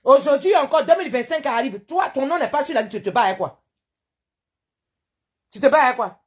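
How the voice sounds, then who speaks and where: A woman with an Ivorian French accent hosts a live-stream rant. Her voice sits high, and she scolds indignantly, firing the same rhetorical questions again and again. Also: lively intonation, a little fast.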